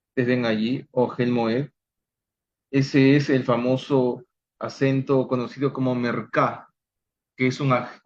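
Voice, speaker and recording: A man teaching an online Bible study, slowly and deliberately sounding out Hebrew words for his listeners. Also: mid-range voice, lo-fi sound.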